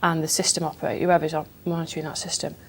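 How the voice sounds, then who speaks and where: Flat, gravelly-voiced woman police officer. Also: low-pitched, very fast, a little hiss or hum. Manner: plain, matter-of-fact explaining. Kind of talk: interview.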